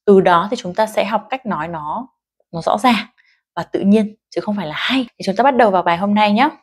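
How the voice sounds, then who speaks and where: A woman leads a pronunciation lesson. She explains points patiently in a clear, even, mid-pitched voice, then slows right down to model each phrase. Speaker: English pronunciation teacher.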